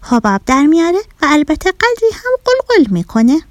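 Naive young fish child, voiced by a woman, lively storyteller, mellow tone, dry close sound. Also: sits high, dry recording. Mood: earnest. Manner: earnest, chatty, lively telling.

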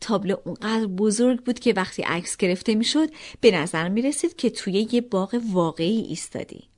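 A woman's voice: mid-range voice, a little mellow. A woman reading a children's story aloud, telling it expressively in the first person as a little girl.

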